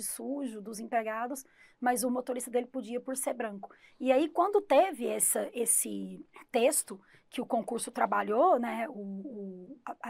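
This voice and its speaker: A woman teaches an English exam-prep class. Her voice sits a little high and carries a gravelly fry. She explains by asking rhetorical questions and retelling examples, and the recording sounds dry and close. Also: a little mellow, no echo.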